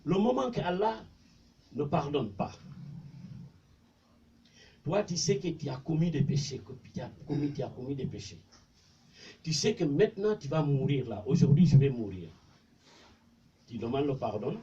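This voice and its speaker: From a distance, a Senegalese man preaches in a fairly high, expressive, mellow voice at a moderate pace, pausing often. A native Mandinka speaker with a Senegalese French accent, he gives an informal religious talk that is conversational and repetitive, reciting Arabic verses. The recording is distant, dull and lo-fi, with faint noise.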